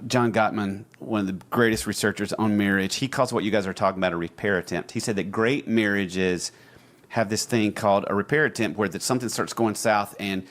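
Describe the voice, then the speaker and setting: A middle-aged man with an Alabama accent mixed with some Californian, chatting casually as a podcast co-host. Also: fairly low pitch. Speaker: podcast co-host and relationship expert.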